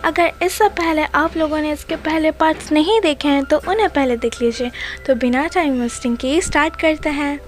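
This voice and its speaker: A young woman casually retelling the episodes of a drama, reading the characters' lines in her own plain, steady voice. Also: high-pitched, fairly quick. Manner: plain steady retelling, reads dialogue flatly. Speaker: drama recap narrator. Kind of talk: casual storytelling recap. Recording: faint background music.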